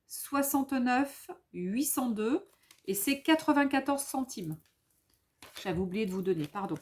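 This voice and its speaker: A woman's voice: on the high side, a little hiss or hum. A middle-aged woman chatting casually through a product haul, hesitant and full of self-corrections. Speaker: haul vlogger.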